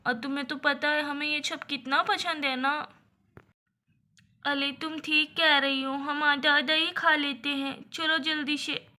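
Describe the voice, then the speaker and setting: A woman's voice: sits high, flat delivery, unhurried, sharp tone, heavily acted. A woman voicing a little girl who whines and pleads with her parents in a doll story. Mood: cheerful. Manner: pleading, weepy. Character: little girl, whiny sister with stomachache.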